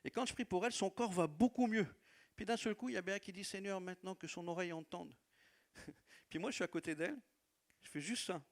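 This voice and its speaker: A man's voice: high voice, lively intonation, fast. A man with a non-native French accent preaching as a pastor, telling stories of his church with laughs and repeated phrases. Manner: warm storytelling with laughs and repetitions. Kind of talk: sermon testimony. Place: church hall.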